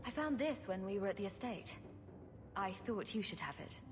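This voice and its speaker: Woman acting protective elder sister, medium pitch, measured, reassuring, video game drama, long reverb, music behind. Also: expressive, natural voice.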